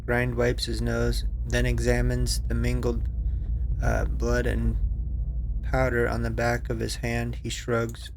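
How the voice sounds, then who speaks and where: A man hosting a game playthrough, reading the story text aloud in an even way, with small stumbles and asides. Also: medium pitch, slow pace, vocal fry, slight background noise. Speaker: let's play host.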